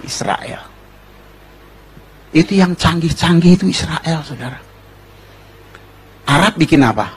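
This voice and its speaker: Very husky man preaching casually. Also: a little high, normal speed, pauses often. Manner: jokey storytelling, rhetorical questions to the congregation; slangy and informal. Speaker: preacher giving a testimony. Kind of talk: conversational sermon.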